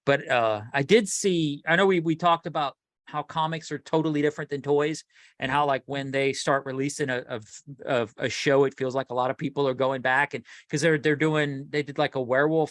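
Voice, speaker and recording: A man with a mid-range voice co-hosts a collecting podcast, speaking a little fast in a dry, studio-quality recording. In casual chat, he tells his stories animatedly, rambling and restarting many times.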